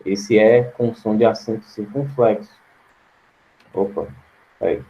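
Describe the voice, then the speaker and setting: A male teacher with a Brazilian Portuguese accent giving an online grammar lesson, patient and slow, repeating words to his students. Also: on the low side, fairly even intonation, muffled recording.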